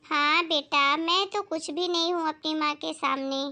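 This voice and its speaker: A woman voicing a gentle elderly grandmother in a comedy family skit, speaking softly and slowly. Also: high voice, steady tone, voice pushed down, heavily acted. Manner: soft, slow and pleading. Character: elderly grandmother, meek and gentle mother-in-law.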